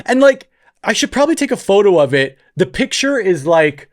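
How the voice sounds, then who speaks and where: A man's voice: high voice, big pitch swings, moderate pace. A man in his thirties co-hosting a podcast, telling a story in a casual chat and acting out the quotes as he laughs through it. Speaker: podcast co-host.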